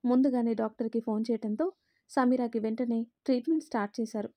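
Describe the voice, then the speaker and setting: Mellow-voiced woman storyteller. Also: fairly high pitch, fast, no echo. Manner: steady, expressive storytelling. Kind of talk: scripted narration of a family drama.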